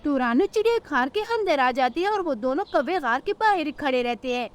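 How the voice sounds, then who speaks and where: A woman narrating a children's cartoon story in a plain, steady way. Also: high voice, a little fast.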